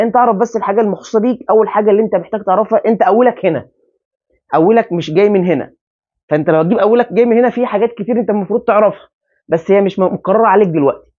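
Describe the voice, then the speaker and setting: A man with an Egyptian Arabic accent teaching a biology lesson at a whiteboard, quizzing students with quick rhetorical questions. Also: sits high. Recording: dull lo-fi sound.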